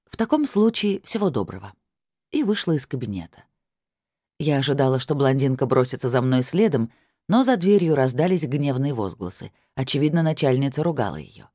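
A calm, measured audiobook reader tells a first-person story with dry irony. The voice is mellow and dark, sits at a middle pitch, and is recorded close and dry. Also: no echo. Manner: calm, measured, dryly ironic.

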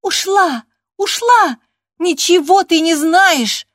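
A woman's voice: a little high, normal speed, no echo, clean studio sound, pitched above the performer's own voice, close to an everyday voice. A woman reading an audiobook voices a spirited, stubborn teenage girl with a vehement, indignant manner. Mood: furious.

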